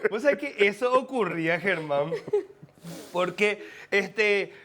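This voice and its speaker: Lively Paraguayan man telling stories. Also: high voice, takes it slowly. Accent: Paraguayan Spanish. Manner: animated, laughing, mimics voices. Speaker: guest impressionist. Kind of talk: casual storytelling.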